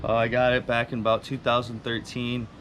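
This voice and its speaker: A man giving a casual, plain-spoken walkaround talk as a motorcycle owner, halting now and then. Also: mid-range voice, monotone, fairly bright tone, a little hiss or hum.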